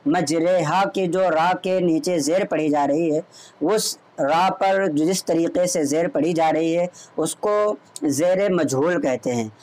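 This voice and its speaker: A man's voice: on the high side, a little mellow. A man teaching Quran reading online, patiently drilling letter sounds. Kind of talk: online recitation lesson.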